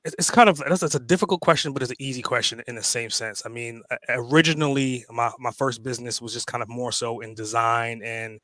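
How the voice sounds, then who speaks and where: A man's voice: medium pitch, fairly even intonation, fast talker, hardly any pauses, a bit bright, no room sound. A man from Trinidad and Tobago, a podcast guest speaking in a casual interview, often repeating words as he starts a sentence.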